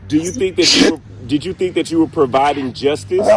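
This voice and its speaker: Man questioning a spirit, with background noise. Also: fairly high pitch. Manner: deliberate, pausing, addresses an unseen spirit directly. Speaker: paranormal investigator, host. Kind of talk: slow spoken questioning in a spirit box session.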